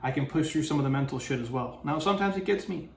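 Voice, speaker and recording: A man's voice: a little high, animated, fast, vocal fry. A man hosting a motivational podcast, talking earnestly and casually, with restarts and some swearing. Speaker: podcast host. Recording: roomy echo, faint background noise.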